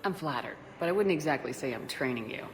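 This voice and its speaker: Commander Shepard, low-voiced steady soldier. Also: female voice, quick pace, low-quality recording. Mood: wry. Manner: composed, direct, dry. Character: steady, wry female military commander, confident. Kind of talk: video game voice acting.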